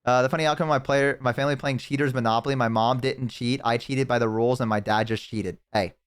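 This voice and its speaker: A young man chatting casually on a live stream, telling rambling, profane stories to his chat and slipping into animated impressions. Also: mid-range voice, fast talker, smooth. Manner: talks to chat.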